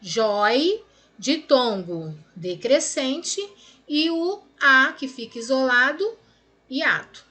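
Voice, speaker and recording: A woman's voice: sits high, lively intonation, slow, sharp tone. A woman with a Brazilian Portuguese accent, teaching grammar, explaining step by step, stretching out words syllable by syllable and checking in often with her students. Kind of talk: recorded lesson correcting exercises.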